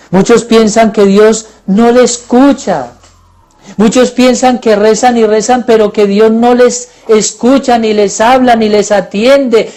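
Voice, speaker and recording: High-voiced fervent male priest preaching. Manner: fervent, repetitive preaching that swells to loud pleading cries. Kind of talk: sermon at Eucharistic adoration. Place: church.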